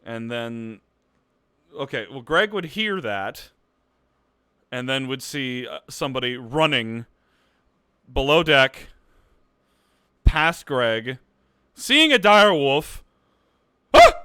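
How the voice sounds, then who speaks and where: Bright, crisp-voiced young game master. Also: male voice, medium pitch, expressive, takes it slowly, long pauses, no echo. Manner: loose, profane, laughing banter with many fillers. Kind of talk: narrating a tabletop game with friends.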